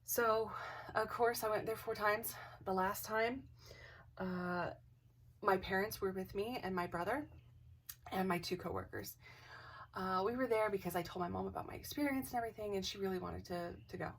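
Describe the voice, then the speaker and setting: A woman telling a personal ghost story to camera in a casual, animated way, acting out the dialogue and sometimes dropping to a whisper. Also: mid-range voice, normal speed, husky. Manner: animated, acts out quoted dialogue, drops into whispers. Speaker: craft channel host. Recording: voice a bit distant from the mic.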